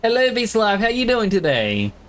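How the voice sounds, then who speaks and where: A man from Australia streams a game, casually chatting and giving long explanations in an Australian-American blended accent. His high-pitched voice swings hugely in pitch, stays fairly bright, and moves at normal speed.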